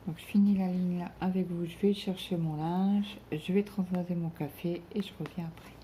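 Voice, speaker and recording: This middle-aged woman's voice is on the low side and warm, with fairly even intonation and a moderate pace. Recording a cross-stitch vlog at home, she chats as she stitches with her viewers, thinking out loud and occasionally trailing off. There's slight hiss or hum.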